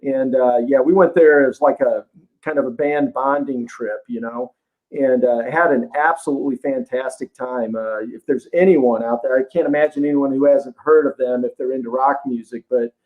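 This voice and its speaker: A man's voice: mid-range voice, normal speed, phone-quality sound. A man guest in a casual podcast interview, talking about music in a friendly, enthusiastic way. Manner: enthusiastic, friendly rock fan.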